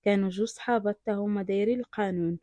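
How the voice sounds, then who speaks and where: A woman's voice: medium pitch, fairly even intonation, rapid-fire, dark tone, no room sound, studio quality. A young Moroccan woman with a Darija accent, telling a true story in the first person in a confiding way. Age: young adult.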